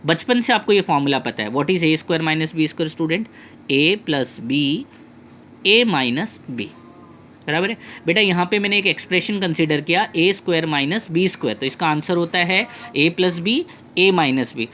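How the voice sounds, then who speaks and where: A male math tutor with an Indian English accent, teaching a lesson and repeating key phrases slowly to his students. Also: fairly high pitch, expressive, sharp tone, slight background noise. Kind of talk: classroom lesson.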